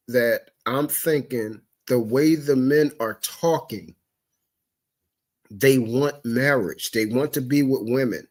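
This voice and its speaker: A man on a livestream talk show, ranting in a heated, profane way, stammering through restarts and breaking off to apologize again and again. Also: medium pitch. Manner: stammering restarts when upset. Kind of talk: impassioned livestream commentary.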